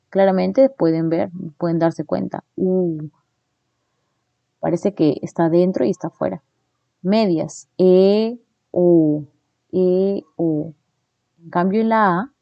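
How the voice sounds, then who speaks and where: A woman teaching a recorded phonetics lesson. She walks through her slides, often checks in with her listeners with a quick "¿no?", and says sample sounds slowly and deliberately. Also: fairly low pitch, vocal fry, darkish tone, dry recording, dull audio.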